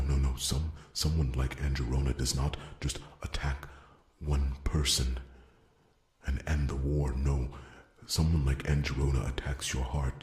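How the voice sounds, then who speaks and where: In an ASMR roleplay, a man voices a devoted fantasy blacksmith and warrior, his rock-bottom pitch barely moving melodically and his tone a little mellow. He delivers a grave warning earnestly and haltingly, often repeating words, breathy almost to a whisper. The audio is noticeably roomy and echoing.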